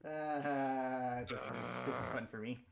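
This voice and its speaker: A man's voice: medium pitch, steady tone, slow, vocal fry, a little hiss or hum. A man running a tabletop game as game master, narrating scenes and rules in a casual way.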